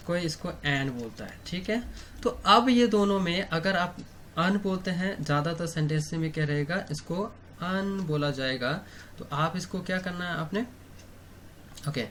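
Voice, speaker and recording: A man with a fairly high, fairly bright voice teaches English grammar in Hindi during an online lesson, writing on a board as he talks. He asks questions and answers them himself, often saying "okay" and "theek hai". There is a little hiss or hum in the audio.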